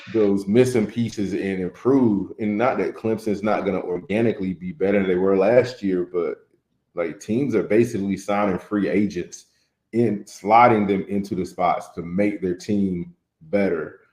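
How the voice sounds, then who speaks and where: A man co-hosting a casual sports talk show, animated and opinionated, often saying "man". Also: low voice. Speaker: podcast co-host. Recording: echoey room.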